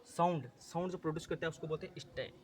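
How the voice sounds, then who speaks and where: A man's voice: fairly high pitch, fast talker. A male teacher running an exam-prep lesson, repeating terms, asking and answering his own questions, often correcting himself.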